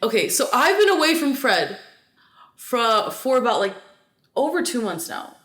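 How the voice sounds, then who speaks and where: A woman co-hosting a podcast, telling stories in casual, animated chat with lots of filler words. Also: a little high, a little slow. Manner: chatty, animated storytelling with many "like" fillers. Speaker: podcast co-host. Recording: roomy echo.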